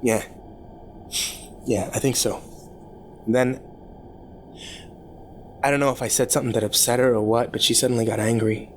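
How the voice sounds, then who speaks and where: A man acts out a rich, troubled young man baring his guilt in a horror story monologue. His medium-pitched voice stumbles and repeats itself as he confesses. There is clear noise behind him. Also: fairly even intonation, close to an everyday voice. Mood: subdued, confiding. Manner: halting, confessional, stammering over repeated words. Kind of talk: dramatic first-person horror story monologue.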